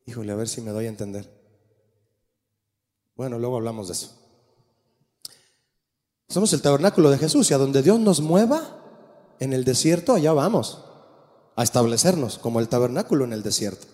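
A man preaching a sermon as pastor, animated and asking the congregation questions. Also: mid-range voice, normal speed, pauses often. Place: church. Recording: long church reverb.

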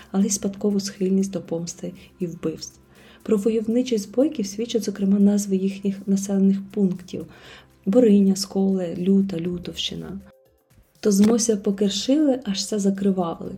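Dark-voiced woman narrating a podcast. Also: mid-range voice, husky. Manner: calm, measured reading. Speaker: podcast host. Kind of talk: scripted narration.

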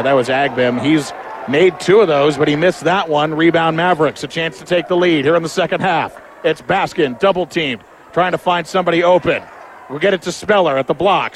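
A man giving live play-by-play commentary on a basketball game. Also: fairly high pitch. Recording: clear background noise of the game.

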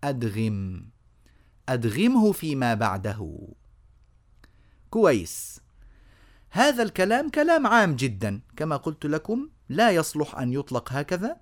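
A male tajweed teacher speaks, and his voice swings widely up and down in pitch. He asks his listeners questions, answers them himself, and drags out each example slowly so it is clear. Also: huge pitch swings. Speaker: Quran recitation teacher. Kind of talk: recorded lecture on tajweed rules.

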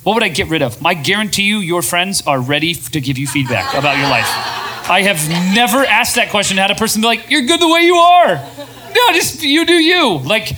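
A man co-hosting a talk show, speaking in a casual, animated way to a room of listeners and slipping into quoted voices. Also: high-pitched, poor audio. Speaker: podcast co-host. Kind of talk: casual talk to a live audience. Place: room with an audience.

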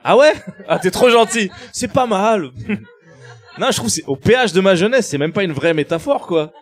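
A young man as a quiz contestant, chatting casually with frequent laughs and animated reactions. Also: sits high, normal speed. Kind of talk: casual chat.

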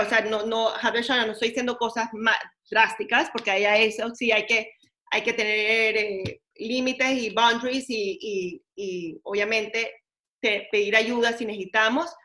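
Woman, bright high voice, relaxed teaching tone that switches into words mid-sentence. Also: normal speed. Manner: mixes English words into Spanish, asks "¿ok?" often. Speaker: teacher of a weekly class. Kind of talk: casual spiritual lesson.

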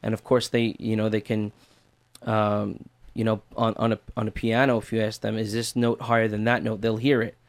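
A man who teaches voice, speaking in a lowish register with very little rise and fall. He answers interview questions earnestly, laying out his method step by step. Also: little pitch movement, normal speed.

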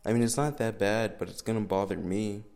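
A man's voice: lowish voice, steady tone, fairly quick, gravelly, a little mellow. A young American man chatting casually and solo as a podcast host, rambling, self-deprecating and sweary, recorded in an echoey garage. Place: indoors in a garage. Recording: echoey garage room sound, breath pops.

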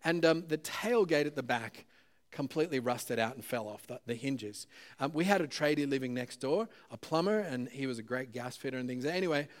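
A man preaching a sermon in a relaxed, conversational way, with plenty of "um"s and self-deprecating asides. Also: mid-range voice, a little fast.

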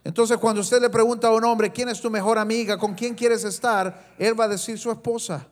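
Male church interpreter with a high voice, quick live sermon interpretation, some stumbles and restarts. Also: fairly even intonation. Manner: quick rendering with hesitations and self-corrections.

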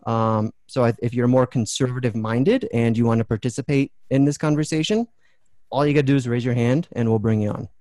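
A man's voice: medium pitch, steady tone, fairly quick, warm tone, no echo. Thoughtful male host, dry close sound. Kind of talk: casual discussion on a video call.

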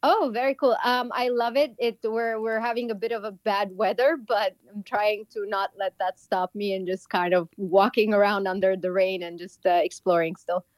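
A woman's voice: mid-range voice, steady tone, moderate pace, few pauses, no echo. Young woman from Syria, upbeat guest, lots of ums, dry close mic. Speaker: travel YouTuber and guest. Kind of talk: casual interview answers.

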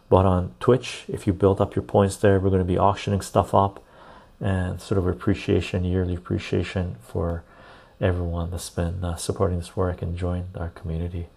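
A man's voice: low-pitched, vocal fry, warm tone. A man hosting a casual live stream, chatting to viewers and repeating phrases for emphasis, recorded on a clip-on lapel mic. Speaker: live stream and podcast host.

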